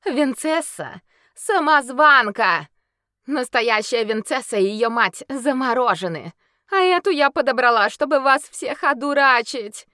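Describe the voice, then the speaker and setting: A woman's voice: mid-range voice, lively intonation, normal speed, a bit bright, no room sound, clean studio sound, voice pushed up, lightly acted. A woman voicing a proud female werewolf noblewoman with a ringing, melodious voice. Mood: furious. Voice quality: ringing, melodious, snarling when angry.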